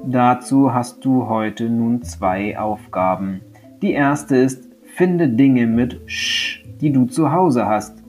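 Slow, gentle male teacher. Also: medium pitch, soft background music. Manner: gentle, slow, addressing a young child directly. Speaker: primary school teacher. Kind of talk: remote lesson with read-aloud story.

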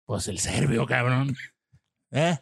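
A man's voice: mid-range voice, takes it slowly, creaky, breathy edge, no echo, studio quality. A man with a Mexican Spanish accent in a casual debate, teasing and insistent, swearing casually. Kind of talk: casual debate between friends.

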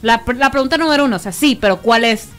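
A Mexican woman co-hosts a loose, joking chat, her voice sitting a little high. She talks in easy slang while faint music plays behind her. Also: fast. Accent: Mexican Spanish. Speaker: podcast co-host. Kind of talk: casual chat.

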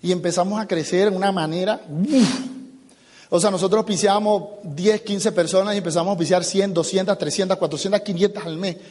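A man giving an animated motivational business seminar talk, acting out little dialogues as he goes. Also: sits high, fairly quick, big-room sound. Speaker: business speaker.

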